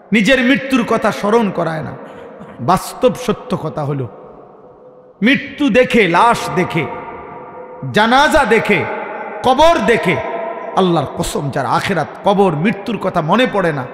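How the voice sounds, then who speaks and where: Dramatic Bangladeshi preacher in an echoing hall. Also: male voice, high-pitched. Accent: Bangladeshi Bengali. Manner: dramatic chanting delivery with sudden loud swells and hushed drops. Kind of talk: waz sermon. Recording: echoey hall.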